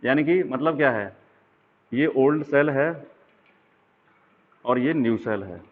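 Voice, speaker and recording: A man's voice: mid-range voice, lively intonation, slow. Male teacher, exam-prep biology lesson, draws as he explains, checks in often, thin phone-like audio. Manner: explaining while drawing diagrams, frequent check-ins. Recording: tinny phone-like sound.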